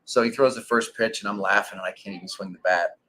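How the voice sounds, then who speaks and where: A man in his forties, a former pro ballplayer, telling stories in a relaxed interview with lots of fillers. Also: lowish voice, quick pace. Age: 40s. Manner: relaxed storytelling with many fillers. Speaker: guest, former pro baseball pitcher. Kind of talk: casual interview.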